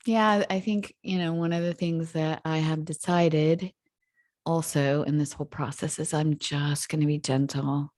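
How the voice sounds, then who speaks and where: Low-voiced woman talking candidly. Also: steady tone, a little slow, darkish tone, no room sound, studio quality. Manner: candid, reflective, laughs easily. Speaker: guest. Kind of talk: casual podcast conversation.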